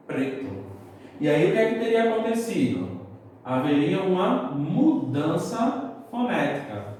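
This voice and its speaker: A man's voice: on the high side, a little mellow, heavy reverb, far from the mic, slight background noise, poor audio. A man teaching a class, explaining step by step and checking in with his students as he writes. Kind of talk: classroom lesson.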